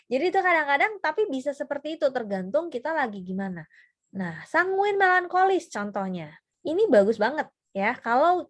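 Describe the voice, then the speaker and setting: Chatty woman teaching personality types. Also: sits high. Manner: chatty, many fillers and tag questions. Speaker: trainer. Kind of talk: seminar talk on personality types.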